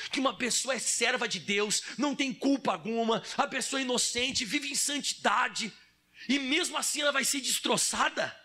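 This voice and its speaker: A man's voice: very high voice, sharp tone. A man with a Brazilian Portuguese accent preaching a sermon as a pastor. He tells the story dramatically, acts out sound effects, and calls his listeners brother. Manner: emphatic, addresses listeners as brother.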